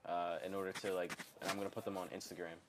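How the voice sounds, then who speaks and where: A man's voice: sits low, little pitch movement, rapid-fire, background noise. A young man co-hosting a casual let's-play, rambling and restarting his sentences, swearing freely. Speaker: gaming channel co-host.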